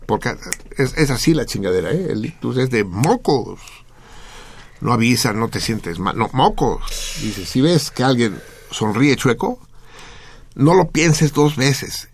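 A man with a Mexican accent, talking casually on radio as host, explaining things to listeners in a lively, profane way. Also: medium pitch, breathy edge.

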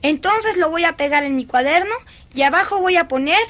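A woman's voice: extremely high pitch, lively intonation, brisk, noisy background. A woman dubbing a dreamy, eerie little girl who is fascinated by dead beetles, in a lingering, singsong, childlike way. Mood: chatty. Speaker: dubbing actress. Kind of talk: film dubbing.

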